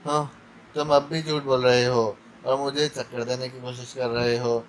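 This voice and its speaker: A man's voice: medium pitch, flat delivery, moderate pace, lightly acted. A man voicing a cold male interrogator who threatens a captive in an icy tone. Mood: demanding.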